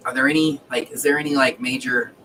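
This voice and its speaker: A man's voice: medium pitch, level tone, fast, pushed and bright, recorded from a distance, poor audio. A man hosting a casual livestream in a rambling, self-correcting way, with the hiccups. He sits a bit back from the mic. Faint noise hums underneath. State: has the hiccups. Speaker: livestream host.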